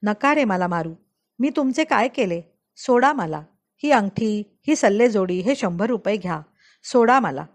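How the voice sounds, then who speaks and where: A woman's voice: sits high, animated, a little slow, voice pushed up. A woman voicing a fearless, stubborn man in a storybook reading, firm and dismissive at first and pleading when cornered.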